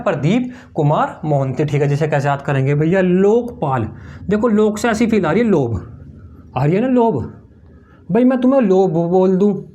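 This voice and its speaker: A man's voice: fairly high pitch, a little mellow. Guy doing exam mnemonic tricks, keeps asking and answering himself, writes on a board as he goes. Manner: repeats each answer as a question-and-answer drill, calls students "bhaiya"; talks while writing on a board. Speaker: exam coaching teacher.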